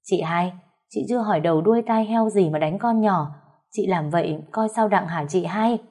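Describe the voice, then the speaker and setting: A woman's voice: on the low side, normal speed, a little mellow, lightly acted. A woman voicing a fair-minded older aunt who reasons firmly. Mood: reproachful.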